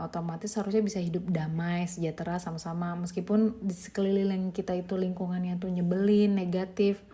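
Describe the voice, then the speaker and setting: Chatty young mother, mellow voice. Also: fairly low pitch. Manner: chatty, informal, lots of fillers, light laughs. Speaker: podcast host reviewing a book. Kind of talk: casual spoken book review.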